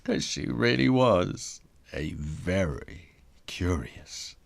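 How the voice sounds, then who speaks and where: This man's low voice carries vocal fry and lively intonation as he reads very slowly from a children's storybook. His dramatic, suspenseful delivery stretches words out, sinks into whispers, and leans on playful sound words and repetition.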